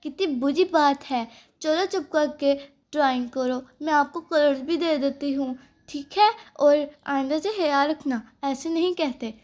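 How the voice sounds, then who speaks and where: Bossy nagging doll mom for a kids' toy story, played by a woman, very high-pitched. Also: unhurried, hardly any pauses, a little mellow. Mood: scolding. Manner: scolding, nagging. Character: bossy scolding mother doll.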